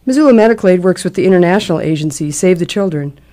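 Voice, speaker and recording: A middle-aged woman reads a scripted personal account in a measured, reflective public radio manner. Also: on the low side, animated, music in the background. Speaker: essayist reading a personal travel account.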